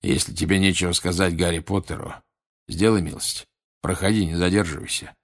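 A man voicing a grim, scarred old wizard in a storybook reading, slow, hoarse and gloomy. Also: sits low, fairly even intonation.

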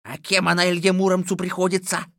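A woman voicing a gruff, boastful male forest robber who lisps, in an audiobook fairy tale. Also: lowish voice, flat delivery, fast, a bit bright, dry recording, studio quality. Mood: grumbling. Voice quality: lisping. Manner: gruff, menacing then sulky.

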